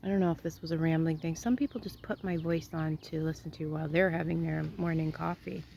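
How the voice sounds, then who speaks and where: A middle-aged woman talks in a loose, rambling way, full of fillers and laughs. Her voice sits low and gravelly, raspy from a sore throat. A faint hiss of background noise runs under the recording. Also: fairly even intonation, quick pace, warm tone. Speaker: vlogger. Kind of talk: casual storytelling chat.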